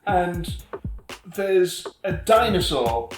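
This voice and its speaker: A man in casual chat, reviewing a film with his brother in quick, dry, mocking commentary. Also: sits high, very animated. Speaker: video host. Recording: echoey room with music underneath. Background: music.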